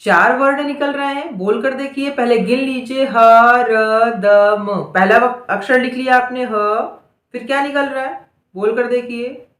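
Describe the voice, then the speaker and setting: A woman's voice: sits high, moderate pace, fairly bright tone, roomy sound. A woman teacher giving a dictation lesson, patiently sounding out each letter and repeating every word several times.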